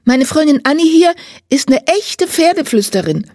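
A woman reading a children's audiobook, voicing an eager, excited young girl who calls out. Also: sits high, moderate pace, dry recording, studio quality, voice pushed up.

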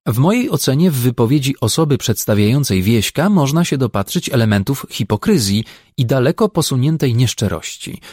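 A man's voice: mid-range voice, big pitch swings, brisk, darkish tone, slightly rough, no echo, studio quality, voice pushed up. A man voicing a pompous, overeducated academic who talks in long-winded jargon.

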